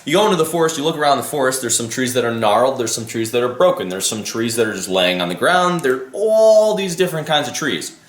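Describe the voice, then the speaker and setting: A man with a medium-pitched voice, recorded with a roomy sound, muses to camera in a casual vlog. He's a vlogger and life coach who rambles, often loses his thread, starts over, and swears casually.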